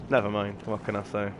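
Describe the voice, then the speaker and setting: In a noisy recording, a streamer with a lowish male voice talks through his gameplay in an offhand, slangy, meandering way. Game music and sound effects sit behind him.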